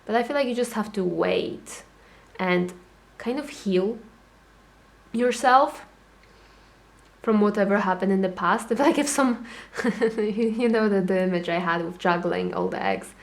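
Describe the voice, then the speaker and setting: A chatty young woman talks through a tarot reading in a loose, animated way. She slips into quick little voices for the people she is reading for, then settles back into her everyday conversational tone. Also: medium pitch. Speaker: tarot reader. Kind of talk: casual tarot reading to camera.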